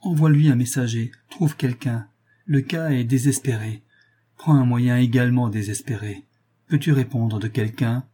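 Male reader doing a composed, commanding noble mother, firm, mellow husky tone. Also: mid-range voice, normal speed, close to an everyday voice. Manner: calm, firm and authoritative.

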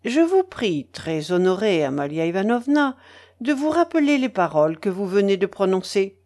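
A woman voicing a pompous middle-aged businessman who lectures in a smug, falsely gentle way. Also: medium pitch, very animated, moderate pace, natural voice. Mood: lecturing.

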